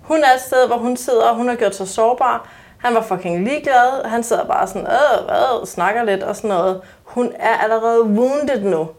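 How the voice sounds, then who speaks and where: Swearing, animated woman. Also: fairly high pitch. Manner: animated, swears casually, empathizes. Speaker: podcast co-host. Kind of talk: casual chat.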